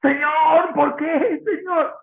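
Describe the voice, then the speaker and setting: A man voicing the biblical figure Joseph, who wails loudly at one moment and gives brisk orders at another. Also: a little high, big pitch swings. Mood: wailing. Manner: wailing cries, then brisk orders. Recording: tinny phone-like audio.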